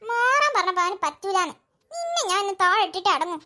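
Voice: extremely high pitch, sing-song, fast talker, background noise. A voice actor playing a stubborn, bossy big-sister girl in a cartoon, with a threatening tone.

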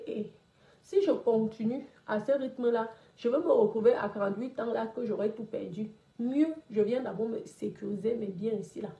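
A woman's voice: a little high, vocal fry, dark tone. Confrontational woman in an echoey room. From Cameroon. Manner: confrontational, scolding someone directly. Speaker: property investor. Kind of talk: direct-address social media rant. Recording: roomy echo.

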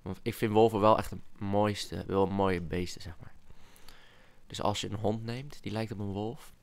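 A young man casually talking through a game as a YouTuber, excitable and chatty, dropping to whispers and coaxing in-game animals. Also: lowish voice, moderate pace, vocal fry. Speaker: gaming YouTuber. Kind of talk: casual Let's Play commentary.

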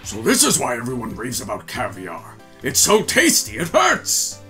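A man's voice: fairly low pitch, sing-song, a little fast. A man voicing a childlike, easily flustered old judge from a video game, exclamatory and theatrical. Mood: delighted. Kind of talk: comic voiced read-through of a courtroom video game. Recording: game music behind.

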